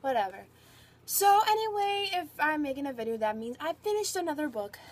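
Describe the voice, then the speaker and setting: A woman's voice: high-pitched, big pitch swings, brisk. Chatty young woman reviewing a book. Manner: rambling, chatty, filler-heavy. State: out of breath. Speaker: book vlogger. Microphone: phone or webcam.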